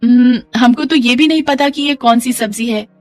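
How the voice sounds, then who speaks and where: A woman's voice: on the high side, normal speed, no room sound, soft background music, pitched above the performer's own voice, close to an everyday voice. Woman doing a naive bride. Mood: eager. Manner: cheerful, naive, broken grammar. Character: foreign young bride speaking broken Hindi.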